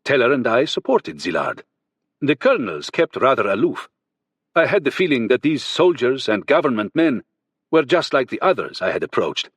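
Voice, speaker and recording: A man reading first-person testimony for an audiobook in a lively storytelling manner, close to a studio mic. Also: medium pitch, moderate pace, husky, no room sound. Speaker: audiobook reader.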